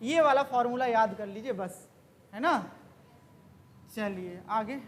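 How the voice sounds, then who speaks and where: A woman's voice: fairly high pitch, takes it slowly, a little hiss or hum. A woman teaching an exam-prep grammar lesson, quizzing the class with questions that she then answers herself.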